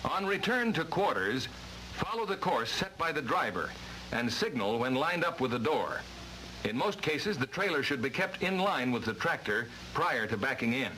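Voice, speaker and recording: Formal, emphatic, and clearly scripted like a training lesson, this narration comes from an American man in 1950s instructional style, over a noisy vintage film soundtrack. His voice is bright and forceful at medium pitch and moderate pace, with lively, swinging intonation.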